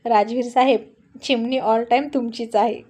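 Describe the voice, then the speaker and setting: A playful young wife who teases and coaxes her husband with cheeky replies. A woman reads her in her own voice, fairly high in pitch, with only light acting. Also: steady tone, a little slow, dark tone. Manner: cheeky, coaxing.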